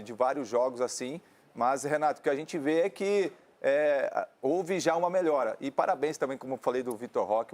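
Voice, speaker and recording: A man's voice: on the high side, a little mellow. A Brazilian man giving his views as a football pundit in a casual studio debate style.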